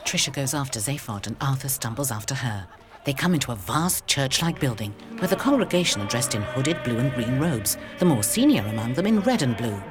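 Male audio describer: scripted, neutral, factual delivery at medium pitch over clear film music. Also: animated, fairly quick.

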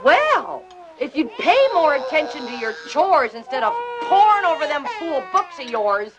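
A shrill scolding farm wife. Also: female voice, very animated, moderate pace, over music. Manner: shrill, scolding, rural dialect. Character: harsh overworked mother, scolding and sharp-tongued.

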